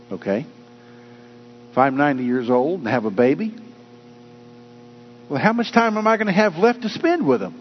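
A man with a fairly high voice preaches a sermon, and he slips into the voices of doubting people along the way. The sound has a long echo, as if from a large hall. The recording is dull and lo-fi, with a faint mains hum behind it. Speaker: pastor.

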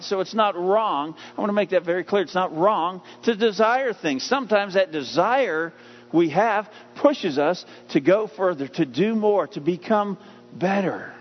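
A man preaching a sermon, animated and expressive, acting out the voices of the people he talks about. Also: on the high side. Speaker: pastor. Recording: dull lo-fi sound with long reverb and faint noise.

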